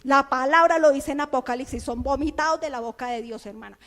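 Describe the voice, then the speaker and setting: A woman pastor preaching a fervent, scolding sermon, firing rhetorical questions at her listeners and swinging from low murmurs to shouts. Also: fairly quick. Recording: long hall reverb.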